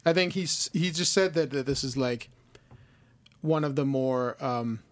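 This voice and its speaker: A man's voice: mid-range voice, unhurried. A man co-hosting a board game podcast in casual chat, easygoing and often trailing off mid-sentence.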